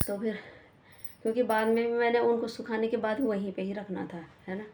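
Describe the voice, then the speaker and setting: A young woman with a Pahadi Hindi accent tells the story of a squabble in a casual, running vlog style. Her pitch stays fairly flat, and her voice sits in an echoey room with faint background noise. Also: fairly quick. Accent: Uttarakhand Pahadi Hindi. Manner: chatty, retells a quarrel with many "I said" asides. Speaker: vlogger.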